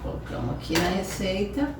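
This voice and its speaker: Heavy background noise fills this echoey, distant kitchen recording. A Brazilian woman with a Brazilian Portuguese accent hosts a cooking channel lesson from home, her mid-range voice swinging widely in pitch at a normal pace. She chats through the steps and keeps checking in with viewers.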